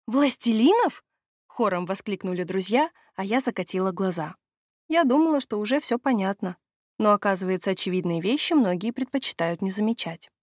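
A woman reading a first-person story aloud as an audiobook narrator, with expressive storytelling. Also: mid-range voice, a little fast, dry recording, clean studio sound.

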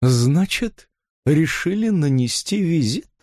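A man's voice: a little high, animated, slow pace, darkish tone, no room sound, clean studio sound, pitched above the performer's own voice. A man doing a scornful, languid woman. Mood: sarcastic. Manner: cold, sarcastic drawl. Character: languid, scornful grown woman, sharp-tongued.

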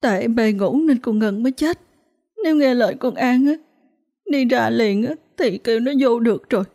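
A woman voicing a grieving rural mother who sobs with guilt, in a tearful, high, strained voice. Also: moderate pace, mellow, natural voice. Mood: sobbing guilt.

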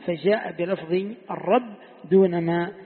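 A man's voice: high voice, normal speed. A man teaching a religious text in a classroom lesson, explaining step by step and posing rhetorical questions to his students. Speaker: sheikh teaching Quran commentary. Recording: tinny phone-like sound in an echoey hall.

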